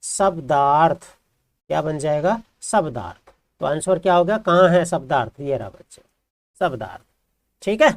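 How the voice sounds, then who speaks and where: A man's voice: a little high, animated, moderate pace, long pauses, no echo. A man teaching a grammar lesson who explains patiently and keeps asking his students questions, then answering them himself. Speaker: Hindi teacher.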